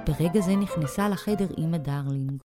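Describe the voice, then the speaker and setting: A woman narrating a children's storybook in a lively, expressive reading. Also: sits low, over music.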